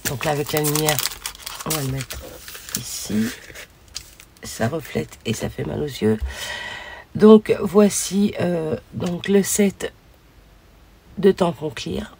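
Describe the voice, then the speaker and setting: Hoarse lady doing a chatty craft demo, lots of ums, gravelly voice, faint hiss behind. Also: sits low, takes it slowly, pauses often. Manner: chatty, many fillers and "voilà". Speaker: craft video host. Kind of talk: casual crafting demonstration.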